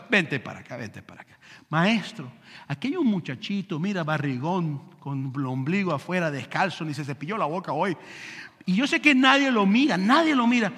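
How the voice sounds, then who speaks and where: A preacher playing an eager, humble apostle who coaxes and exclaims. The voice swings widely between high and low. It echoes with long church reverb. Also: male voice, a bit bright, breathy edge, full character voice.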